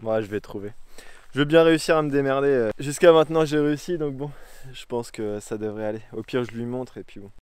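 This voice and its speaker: A man's voice: mid-range voice, a little fast, a little mellow, clear, resonant tone, dry recording. A young man vlogging casually about his bike trip outdoors, rambling and hesitant with many fillers. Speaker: cycling travel vlogger. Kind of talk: casual vlog chat to camera.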